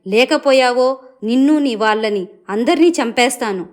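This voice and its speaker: A woman storyteller voicing a gruff male pig-like beast, possessive yet kind, with a low, stern, commanding manner. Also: moderate pace, natural voice.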